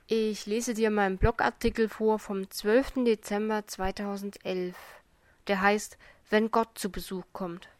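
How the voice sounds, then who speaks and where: A woman's voice: medium pitch, unhurried, no room sound. Woman reading a story aloud, dry. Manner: lively storytelling with voiced characters. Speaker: blogger reading her own article.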